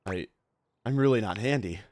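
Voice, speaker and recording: A man streaming a game with casual, jokey commentary, reacting in an animated way. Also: fairly low pitch, normal speed, slight background noise. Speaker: gameplay streamer.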